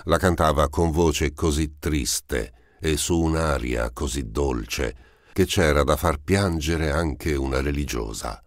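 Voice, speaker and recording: A man with a very deep voice reads a classic novel aloud in a measured, expressive way. He is on a close mic, and the sound is dry. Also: no echo. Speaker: audiobook narrator. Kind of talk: scripted literary narration.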